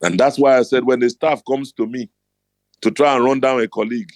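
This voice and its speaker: A man's voice: medium pitch, steady tone, fairly quick, no echo. A middle-aged man with a Nigerian accent, hosting a motivational talk and telling his stories bluntly and emphatically. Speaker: host.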